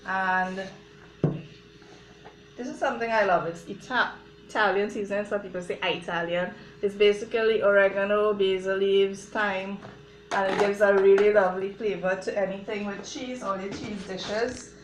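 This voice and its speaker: A mother talks viewers through a home recipe in an easy, chatty way. Her voice sits at an ordinary pitch for a woman. The kitchen rings with echo, and cutlery and pans clatter behind her. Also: steady tone, normal speed, a little hiss or hum. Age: adult mother. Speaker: home cook showing a recipe. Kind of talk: casual cooking demonstration. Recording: echoey kitchen with clattering cookware. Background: dishes, cutlery and blender clatter.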